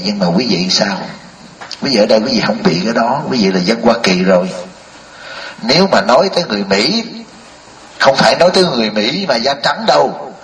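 A man's voice: lowish voice, a bit bright, a little hiss or hum. A man, a Buddhist monk giving a folksy, joking sermon and firing rhetorical questions at a live audience. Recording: echoey hall, mic at a distance.

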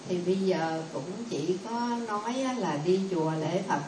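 A woman's voice: lowish voice, expressive, moderate pace, background noise. A woman in the audience giving her view at a temple discussion, earnest, deferential and rambling. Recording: distant voice in an echoey hall.

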